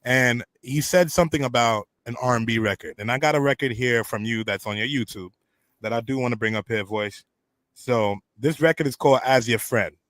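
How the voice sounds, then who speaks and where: Talking fairly quickly at medium pitch with a slightly bright tone and no echo, a man hosts a radio interview. He addresses his online chat audience directly and keeps the conversation on course with an upbeat manner.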